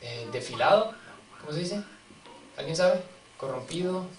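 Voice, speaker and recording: Male preacher, slightly higher voice, chatty storytelling sermon, picked up from a distance in an echoey church. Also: lively intonation, unhurried. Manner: conversational storytelling, acting out quotes, asking the congregation questions. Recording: distant mic in a reverberant church, faint ambience.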